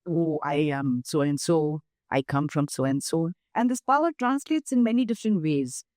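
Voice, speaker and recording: An older woman with an Indian accent, speaking as a guest in an interview, measured and emphatic as she explains through lists of examples. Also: low-pitched, expressive, darkish tone, no echo, clean studio sound. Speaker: guest, nonprofit founder. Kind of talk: interview conversation.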